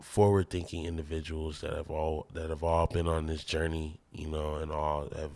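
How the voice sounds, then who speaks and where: Very deep, flat-voiced man from the Midwest. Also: normal speed, creaky. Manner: loose, rambling, laid-back. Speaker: musician guest. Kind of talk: casual podcast chat.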